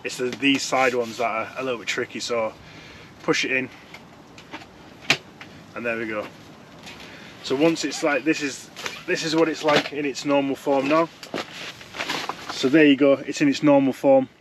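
A man's voice: mid-range voice, fairly even intonation, moderate pace, long pauses, background noise. A young man chatting casually as he reviews fishing gear from inside a tent, rambling and restarting his sentences. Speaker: fishing vlogger.

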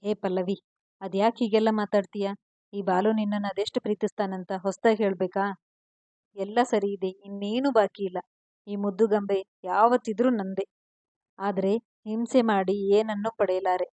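Storybook read: tender young husband voiced by a woman, gentle, low-key, mellow. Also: fairly even intonation, normal speed, no echo, natural voice.

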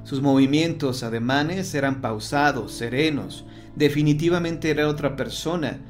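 Man narrating a horror audiobook. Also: medium pitch. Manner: steady, measured storytelling.

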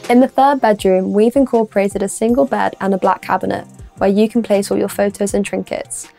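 A woman's voice: mid-range voice, steady tone, brisk, gravelly, mellow, faint music behind. A young woman presenting a scripted house tour as a property presenter, with upbeat, complimentary sales patter. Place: indoor rooms of a furnished house. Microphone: lapel mic.

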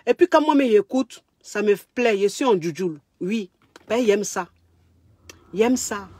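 A woman relationship coach, telling a story in a lively way and repeating phrases for emphasis. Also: medium pitch, unhurried, husky, dry recording. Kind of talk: casual storytelling monologue.

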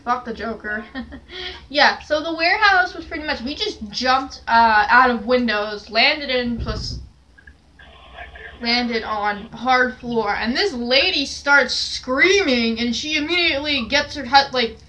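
A woman's voice: sits high, slow, pushed and bright, slight background noise, poor audio. A young woman telling a story on camera in her bedroom, rambling with many fillers and restarts. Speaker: storytelling vlogger. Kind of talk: casual spoken storytelling. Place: small cluttered bedroom, indoors. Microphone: camera at a distance on a stand.

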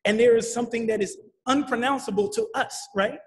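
A man moderating a panel, animated and emphatic, often repeating himself and asking "right?". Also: extremely high pitch, fairly quick. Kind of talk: panel discussion.

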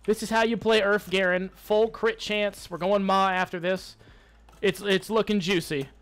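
A young man giving excitable, hyped commentary while playing a video game, swearing and taunting his enemies. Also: high voice, moderate pace. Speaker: gaming YouTuber. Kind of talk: live gameplay commentary.

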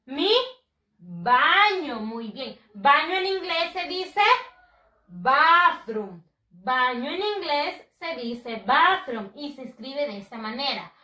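A woman teaching English to young children, drilling words slowly in a sing-song way with lots of praise. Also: high-pitched, sharp tone, roomy sound, recorded from a distance, poor audio. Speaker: primary school English teacher. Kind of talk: bilingual lesson for young children.

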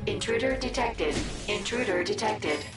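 Stern security robot in a game, clipped flat warnings, no warmth. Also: male voice, high voice, a little slow, over loud music. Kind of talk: video game voice acting.

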